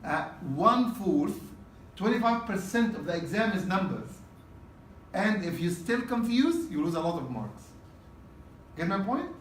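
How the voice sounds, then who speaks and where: A man's voice: sits high, very animated, a little slow, slight background noise. A man teaching a test-prep class in a casual lecture style, often checking in with "okay?" and repeating key points. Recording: roomy classroom from a distance.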